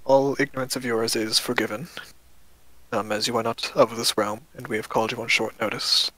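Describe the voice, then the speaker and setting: A man's voice: medium pitch, little pitch movement, brisk, pushed and bright, no echo, rough recording. A man playing a courteous, formal ruler in a tabletop game, speaking with restraint. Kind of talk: in-character tabletop role-play.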